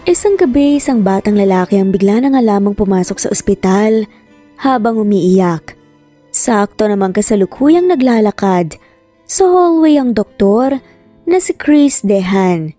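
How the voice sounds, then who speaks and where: A woman narrating a dramatic story in a slow, deliberate manner. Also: mid-range voice, lively intonation, mellow, soft background music. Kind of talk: scripted narration.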